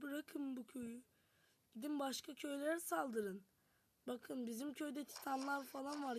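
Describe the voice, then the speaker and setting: Music runs behind this woman as she plays a game and chats away to her audience, giving running commentary. Her voice is high, and the low-quality recording carries a slight hiss or hum.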